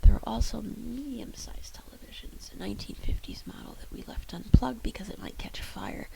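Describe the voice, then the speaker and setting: A woman's voice: a little high, huge pitch swings, normal speed, vocal fry, poor audio. A woman narrating a story in the first person with wry storytelling, in a whispered role-play.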